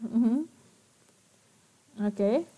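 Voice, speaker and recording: A woman's voice: on the high side, expressive, very slow, mellow, husky. Indonesian-accented woman teaching English grammar. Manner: mixes Indonesian explanations into English, chatty, asks the class questions. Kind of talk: online class lecture.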